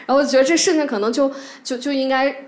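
A woman, telling a personal story to a live audience, halting and emotional, many restarts and repeated words. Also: high-pitched, fairly even intonation. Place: theatre stage.

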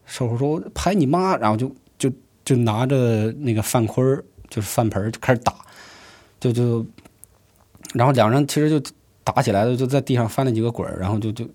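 A man telling a first-person story in an unhurried, conversational way, often restarting his sentences. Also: mid-range voice, a little mellow. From rural Hebei, China.

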